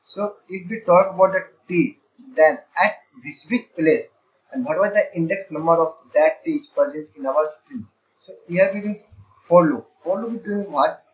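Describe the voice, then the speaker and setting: A man's voice: high-pitched, moderate pace. A man teaching a programming lesson, walking through code step by step and counting characters aloud. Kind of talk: screen-share coding lecture. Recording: dull lo-fi sound.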